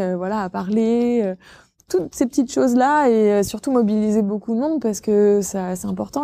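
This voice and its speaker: A woman's voice: mid-range voice, mellow, no room sound. A young woman from Normandy answering interview questions casually, hesitating with many fillers. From Normandy, France. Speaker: interviewed regional beauty queen.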